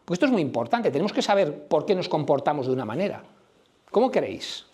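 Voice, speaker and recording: A man's voice: a little high, very animated, quick pace, mellow. A middle-aged man with a Madrid accent giving a conference talk, blunt and colloquial, firing questions at the audience. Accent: Madrid Spanish. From Spain. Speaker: conference speaker. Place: conference room before a live audience.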